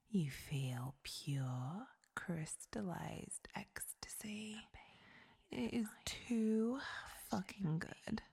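Whispered role-play: woman as commanding, seductive goddess voice, very breathy, unhurried and sensual. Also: medium pitch, dark tone, full character voice.

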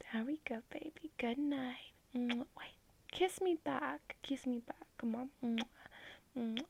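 A woman's voice: a little high, vocal fry, slightly rough, heavily acted, low-quality recording. A woman playing a whispering, clingy girlfriend. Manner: playful, clingy and affectionate. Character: doting, clingy young girlfriend. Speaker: roleplaying girlfriend on a video call. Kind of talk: ASMR girlfriend roleplay.

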